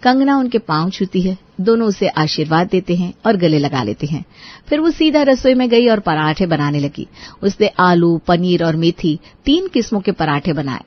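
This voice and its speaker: Husky woman narrating a storybook cartoon. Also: lowish voice, lively intonation, moderate pace, dry recording, muffled recording.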